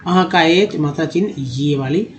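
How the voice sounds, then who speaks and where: A man's voice: on the high side, measured pace, slight background noise. A man teaching, spelling names letter by letter, repeating each word and addressing viewers as friends. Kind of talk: explaining Hindi-to-English spelling on a board.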